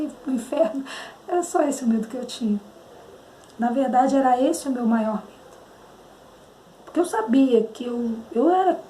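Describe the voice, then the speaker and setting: A woman's voice: fairly high pitch, warm tone. A Brazilian woman giving a personal religious testimony, hesitant and searching for words. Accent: Brazilian Portuguese. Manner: hesitant, searching for words, sings hymn lines. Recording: echoey room with faint noise.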